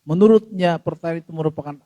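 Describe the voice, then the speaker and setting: A middle-aged male pastor preaching a sermon, telling a personal story with emotion and often addressing the congregation, swinging from loud to hushed. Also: a little high, fast talker, no echo, dull audio.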